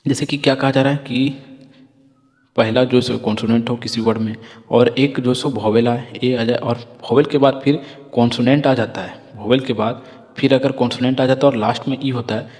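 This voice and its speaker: A man's voice: mid-range voice, fairly even intonation, moderate pace, a little mellow. A man teaching English reading rules, explaining patiently, repeating each point and asking questions he then answers himself. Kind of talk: explaining lesson. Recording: long reverb.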